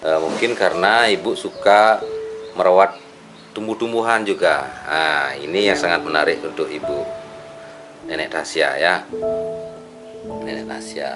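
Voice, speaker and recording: A very deep-voiced man conducting a casual interview, summarizing and affirming each answer and ending his points with tag questions. Music plays clearly under his voice. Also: measured pace, long pauses. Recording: clear music playing behind.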